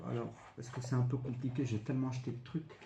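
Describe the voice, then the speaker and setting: A retro game collector vlogger casually shows off video games he bought, listing each item and its price with many fillers. His voice is mid-range, level, creaky and fast. The recording has an echoey room and faint background noise.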